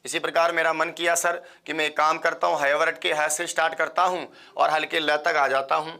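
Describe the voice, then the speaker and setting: A man teaching a live online class, quizzing listeners and repeating questions and answers in a fast, chatty way. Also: a little high, little pitch movement, gravelly, bright, forceful tone. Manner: fast-paced, chatty, addresses viewers as friends. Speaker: Sanskrit exam teacher.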